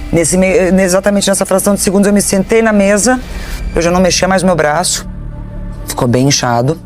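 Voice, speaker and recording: A woman giving an emotional first-person account in an interview, halting and restarting her sentences as she recounts events. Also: sits low, darkish tone.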